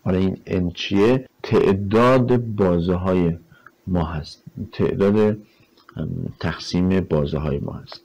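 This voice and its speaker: A man gives a recorded math lecture in a fairly low voice. He talks in a relaxed, conversational way, working through the problem step by step and answering his own rhetorical questions with frequent fillers. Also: highs cut off. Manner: explains step by step while drawing on a board. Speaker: math teacher.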